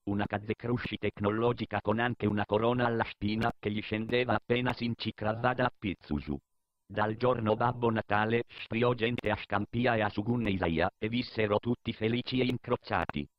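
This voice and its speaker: A man's voice: fairly low pitch, steady tone, moderate pace, no room sound. A man with a Sardinian accent narrating a scripted comedy course as a mock instructor, peppered with profane cursing. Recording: dull, lo-fi dry recording.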